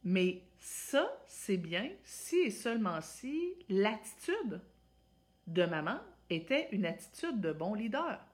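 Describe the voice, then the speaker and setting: A woman with a Québécois French accent, a parenting coach giving advice and acting out parent examples in high, exaggerated voices. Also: very animated, slow pace.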